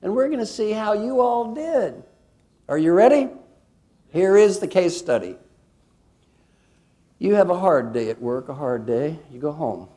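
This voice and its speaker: A man's voice: sits high, a little slow, pauses often. An older man leading a workshop, teasing the audience, asking them questions and acting out quotes. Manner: animated, teasing, quizzes the audience and acts out quotes. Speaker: leadership coach leading a workshop. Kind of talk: interactive seminar talk to an audience.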